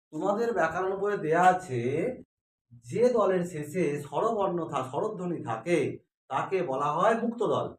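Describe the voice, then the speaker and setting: High-pitched male teacher, quizzing style, recorded from a distance. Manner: asks questions and answers them himself. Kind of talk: classroom grammar lesson. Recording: echoey room, mic far off.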